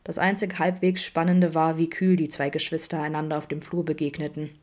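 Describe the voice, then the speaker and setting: Low-voiced woman reading a story. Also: level tone, brisk, a little mellow. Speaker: podfic reader. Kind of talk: scripted narration.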